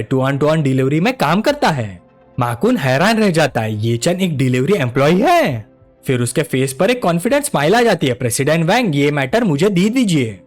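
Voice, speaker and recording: A man with a high voice tells a comic story recap in a dramatic, animated way. His pitch swings widely as he pushes the characters' lines, and soft music plays faintly underneath. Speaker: manhwa recap narrator. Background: faint background music.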